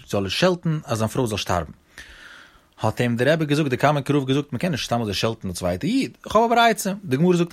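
A man with a Yiddish accent teaching a Talmud class, reading the text in a quick singsong study-hall chant and explaining it. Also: mid-range voice.

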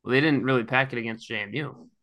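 A man's voice: mid-range voice, quick pace, sharp tone. A young man co-hosting a sports podcast, joking and bantering in casual chat. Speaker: podcast co-host.

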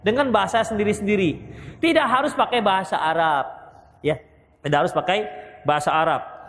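A man from Indonesia with a Medan Indonesian accent, a preacher giving a hadith lesson and answering questions, lively and joking as he acts out wedding vows. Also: high voice, a little fast. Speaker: Islamic preacher. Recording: long reverb of a hall.

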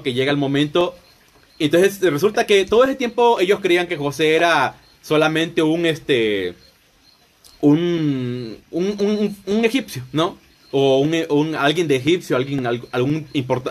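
A man retelling a Bible story in a loose, conversational sermon, often restarting and rephrasing as he goes. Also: fairly high pitch. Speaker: preacher. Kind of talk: informal Bible teaching.

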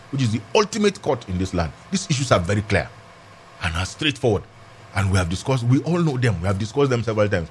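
A man with a Nigerian accent argues a legal point in a discussion. His delivery is quick and very lively in pitch, emphatic and argumentative, with key phrases repeated for stress. There is faint noise in the background. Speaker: legal commentator, guest. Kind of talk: animated political and legal discussion.

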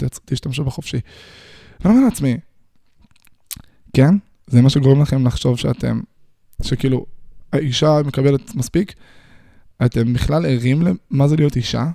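A man's voice: medium pitch, creaky, long pauses, warm tone, no room sound, clean studio sound. A young man talking straight to his listeners about relationships, rambling through restarts and rhetorical questions. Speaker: social commentator. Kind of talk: casual monologue on relationships.

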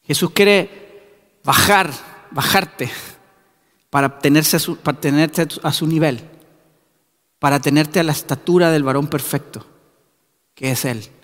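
A man's voice: fairly high pitch, a little slow, pauses often, big-room sound. A man preaching a sermon in a church, building up to emphatic repeated calls. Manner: rising to emphatic shouted repetitions.

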